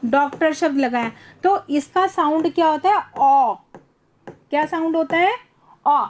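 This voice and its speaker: Woman teacher, high voice, patient explainer, online lesson on a video call. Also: fairly quick. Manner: patient, explains step by step, asks students questions.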